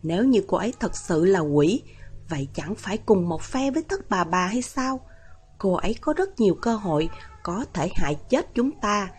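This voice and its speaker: A woman's voice: mid-range voice, big pitch swings, normal speed, a little mellow, husky. A woman voicing an anxious young man in a storybook reading, pleading and agitated.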